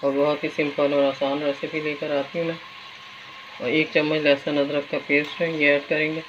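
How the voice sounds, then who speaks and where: In her home kitchen, a cooking vlogger talks through a recipe in a relaxed way while working at the stove. Her low-pitched voice holds a level tone at a normal pace. The phone recording sounds dull, with frying, sizzling and stirring loud behind her.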